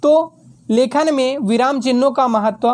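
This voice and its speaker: Woman, young adult, exam prep teacher, slightly high voice, steady dictating delivery, small self-corrections. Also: normal speed. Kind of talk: reading out exam answers.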